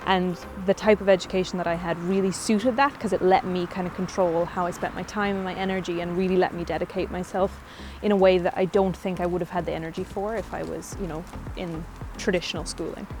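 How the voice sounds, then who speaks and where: A woman's voice: on the low side, steady tone, a little fast, a little mellow, soft background music. A young woman with a west of Ireland accent, giving chatty, informal and thoughtful answers as an interview guest. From Galway, Ireland. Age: young adult.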